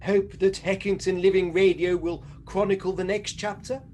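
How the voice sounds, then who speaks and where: A man playing a prim, sceptical doctor sidekick in a comic radio drama, wry and deadpan. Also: high-pitched, moderate pace, slight background noise, natural voice.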